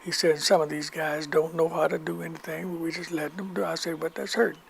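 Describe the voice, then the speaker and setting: A man's voice: fairly high pitch, little pitch movement, fairly quick, vocal fry, slight background noise. An older man recounting his wartime army memories in an oral history interview, rambling and acting out the voices of people he quotes.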